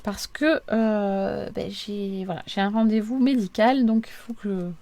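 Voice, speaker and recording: A woman's voice: mid-range voice, fairly even intonation, measured pace, warm tone. A woman giving an informal, step-by-step craft tutorial, chatty and a little apologetic, often repeating and checking herself.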